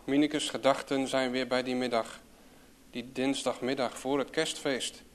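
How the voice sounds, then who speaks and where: A man reading a children's story aloud in a calm, even storytelling manner. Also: mid-range voice, measured pace. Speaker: narrator.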